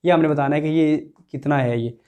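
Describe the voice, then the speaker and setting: Man, math teacher, somewhat high-pitched, step-by-step explaining, rhetorical questions, repeats numbers. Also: steady tone, a little fast, dark tone. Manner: addresses students directly and repeats numbers. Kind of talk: classroom math lesson.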